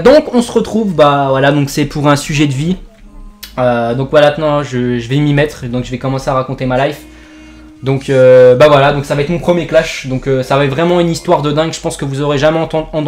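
A young man from France talks quickly in a slightly high voice, rambling through a tall tale in casual slang full of fillers. Faint game music plays under his voice. He sounds like a gamer recording commentary into a desk mic. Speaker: gaming YouTuber. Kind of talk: joking story over gameplay commentary.

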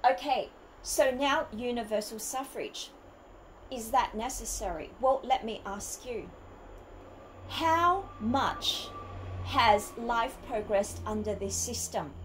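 A woman's voice: fairly high pitch, slight background noise, rough recording. A woman from Australia, delivering an argumentative opinion monologue full of rhetorical questions. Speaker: vlogger.

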